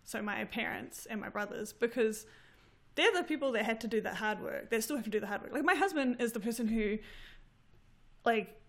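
Her pitch is fairly high and her pace brisk as this thirtysomething Kiwi graduate student tells animated stories in a casual chat, laughing often along the way.

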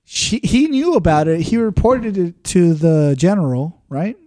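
A high-pitched man chatting casually with his friends. He rambles, swears freely and keeps checking in with "right?". The sound is dry and close to the mic. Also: sing-song, measured pace, dark tone, no echo. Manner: profane, rambling retelling with many "right?" checks. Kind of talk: casual chat. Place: room with friends, drinking beer.

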